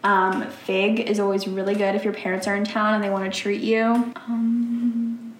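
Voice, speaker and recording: A young adult woman, a college student from the Philadelphia area, chats casually as an interview guest, giggling and using lots of fillers. Her mid-range voice moves little in pitch and keeps a moderate pace, in a roomy recording with faint noise.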